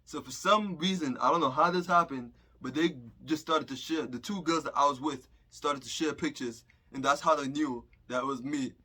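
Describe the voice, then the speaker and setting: A man's voice: on the high side, moderate pace, hardly any pauses, pushed and bright, husky. A young man telling a story in a chatty, slang-filled vlog style. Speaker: vlogger.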